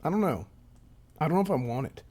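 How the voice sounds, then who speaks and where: A man's voice: a little high, sing-song, quick pace, darkish tone. A man playing a disappointed, weary losing candidate in an improvised game role-play, talking casually with resignation. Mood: disappointed, resigned.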